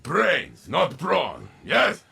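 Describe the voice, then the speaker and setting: An actor playing an earnest warrior ally in a video game cutscene, speaking in simple, halting phrases. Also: male voice, a little high, huge pitch swings, creaky, pushed and bright, breathy edge, full character voice. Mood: playful. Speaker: game character.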